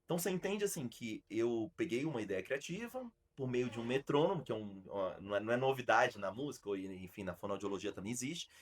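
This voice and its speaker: A man's voice: medium pitch, animated, fast, hardly any pauses. A man with a Brazilian Portuguese accent, hosting a podcast as an arts school founder, telling stories emphatically with frequent restarts. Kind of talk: casual podcast chat.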